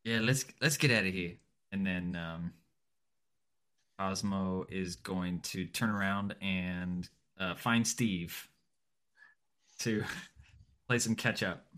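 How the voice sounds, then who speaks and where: A man's voice: sits low, takes it slowly, pauses often, a bit bright, clean tone. A man playing in a tabletop game, talking in an easygoing, playful way. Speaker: player. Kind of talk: casual tabletop play.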